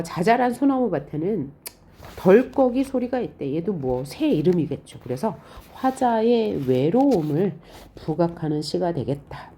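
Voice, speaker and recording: A woman lecturing on poetry in a lively, questioning way, often reading lines aloud with expression. Her voice is husky and mellow and sits fairly low, with animated swings in pitch. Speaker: Korean literature teacher.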